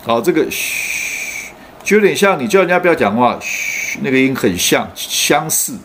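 A man teaches English sounds in an online class, and his pitch rises and falls a lot as he explains. He uses frequent "oh" fillers and says each sample word slowly and carefully. A faint hiss of room noise sits under his voice. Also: big pitch swings, fairly bright tone. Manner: explains patiently with frequent "oh" fillers, then models words slowly. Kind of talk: online pronunciation lesson.

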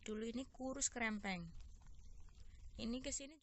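A woman's voice: fairly high pitch, normal speed. A woman making a casual vlog while she feeds stray cats, chatting to viewers and cooing at the cats in baby talk. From Indonesia. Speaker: vlogger feeding stray cats. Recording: faint background noise.

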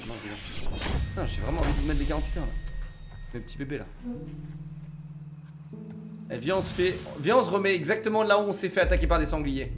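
Young man, let's-play streamer, fairly high pitch, slangy, chats to viewers, game music behind. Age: young adult. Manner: slangy, swearing, talking to his viewers. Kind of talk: casual let's-play commentary. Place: indoors at a streaming setup.

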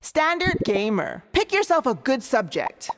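A woman voices a cheerful cartoon co-host on a video game quiz show, announcing in a scripted, presenter-like manner. Her voice is high and exaggerated, with wildly swooping pitch and an unhurried pace, in a reverberant studio with crowd noise.

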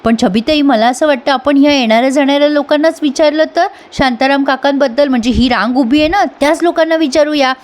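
A woman's voice: high-pitched, quick pace, hardly any pauses, a little mellow, natural voice. Woman doing an earnest young heroine. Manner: earnest, resolute. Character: determined good-hearted young village woman.

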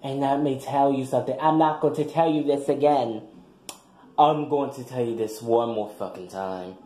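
A man's voice: mid-range voice, moderate pace, dark tone, lightly acted. A man voicing a brash, foul-mouthed young woman graduate giving a crude, combative speech in a comic skit. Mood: sassy. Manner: crude, combative, trash-talking. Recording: echoey room.

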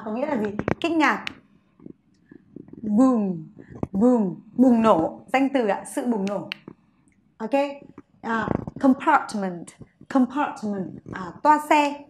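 A woman English teacher giving a vocabulary lesson, saying each word slowly for her students to repeat. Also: on the high side, roomy sound, noisy background.

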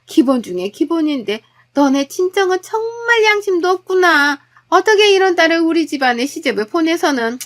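A woman voicing a haughty, scolding middle-aged mother-in-law who nags loudly and with contempt. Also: extremely high pitch, very animated, moderate pace, hardly any pauses, voice pushed up, exaggerated voice. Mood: scornful. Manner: nagging, contemptuous, loud.

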